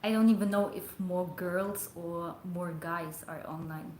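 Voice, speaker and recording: A woman's voice: on the low side, steady tone, a little slow, a little mellow, slight background noise. A young adult woman chatting casually on a livestream, rambling and hesitant with lots of fillers. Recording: echoey room.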